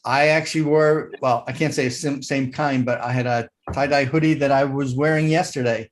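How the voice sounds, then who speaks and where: A man hosting a business networking meeting over a video call, relaxed and joking. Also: medium pitch, normal speed.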